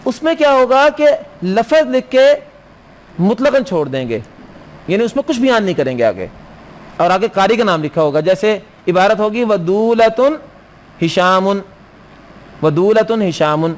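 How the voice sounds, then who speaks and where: A man with a high, sing-song voice teaches a class the rules of Quranic recitation. He poses questions to the students, answers them himself, and slowly chants Arabic verses.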